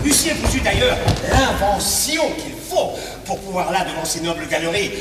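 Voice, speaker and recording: Playing a swaggering, witty swordsman who mocks an insult about his big nose, a man delivers a theatrical verse monologue in a high, very animated voice at normal speed. His hammy, exaggerated performance sounds scornful and proud, recorded from a distance on stage in an echoey hall with a noisy, far-off mic.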